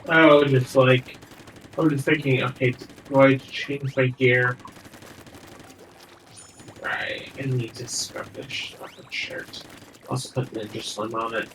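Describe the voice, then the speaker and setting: A man's voice: mid-range voice, little pitch movement, unhurried, pauses often, fairly bright tone, echoey room, distant mic, slight background noise, low-quality recording. A man on a remote voice call, his voice sounding crunchy and bitcrushed, chatting casually and swearing while gaming. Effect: crunchy, bitcrushed call audio. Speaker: fellow player on a voice call.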